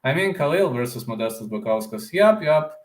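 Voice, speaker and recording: This combat sports YouTuber sounds animated, his fairly high voice running a little fast over the roomy echo of his live stream. In casual, rambling chat he answers viewers' comments aloud, repeats words, and tends to finish with "man."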